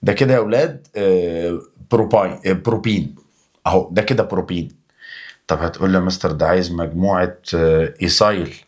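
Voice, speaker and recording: A man's voice: low-pitched, quick pace. A young man with an Egyptian accent, teaching a chemistry exam review in a chatty, coaxing way, answering his own questions as if he were the student. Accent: Egyptian Arabic. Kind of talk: energetic exam-review lesson.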